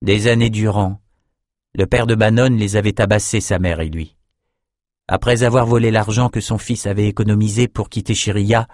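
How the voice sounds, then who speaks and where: Low-voiced male audiobook narrator. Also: a little mellow, no room sound, studio quality. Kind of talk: scripted narration.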